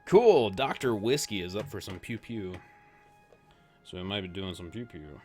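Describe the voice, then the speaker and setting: A man's voice: sits low, moderate pace, faint music behind. A man streaming a video game live, chatting casually with viewers, reacting aloud to the play and laughing often.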